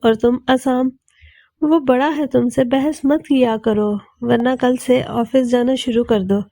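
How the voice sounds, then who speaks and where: A woman voicing a young man, a caring and serious elder brother who chides gently. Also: high-pitched, fairly even intonation, measured pace. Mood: chiding.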